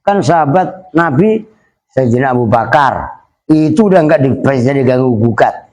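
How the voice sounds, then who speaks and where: A middle-aged Indonesian man, a kyai at a pesantren, teaches a kitab by translating Arabic phrases line by line. His medium-pitched voice is expressive and a little mellow, at a moderate pace. Between translations he teases and jokes with his students.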